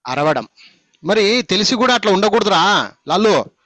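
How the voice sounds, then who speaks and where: A man with a Telugu accent runs a phonics class, firing questions at his students and scolding them with teasing jabs. His voice sits on the high side for a man. It is recorded close and dry, with no room sound. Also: sing-song, moderate pace, pushed and bright, no room sound. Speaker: spoken English teacher.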